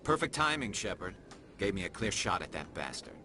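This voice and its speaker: A man's voice: deep voice, sing-song, a little fast, background noise. A man voicing a confident, determined alien police investigator in a video game. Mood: brisk, confident.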